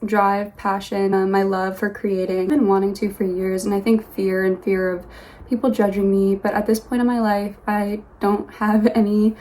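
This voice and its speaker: A young woman from Los Angeles talking casually to her phone camera from her bedroom, in a soft, rambling way with many pauses and restarts. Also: mid-range voice, level tone, rough recording. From Los Angeles, USA. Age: young adult. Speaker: vlogger. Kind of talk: casual get-to-know-me vlog. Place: her bedroom, sitting on a yoga mat.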